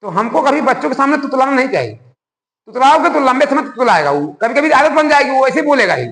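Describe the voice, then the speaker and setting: High-voiced animated teacher. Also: male voice, fast talker. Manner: animated, conversational, asks the class rhetorical questions. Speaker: school science teacher. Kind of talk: classroom lecture. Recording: echoey room with long reverb.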